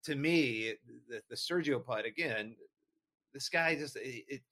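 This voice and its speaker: A man's voice: mid-range voice, a little slow, bright, forceful tone. A man co-hosting a casual golf discussion, speaking in an opinionated, conversational way. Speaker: podcast co-host.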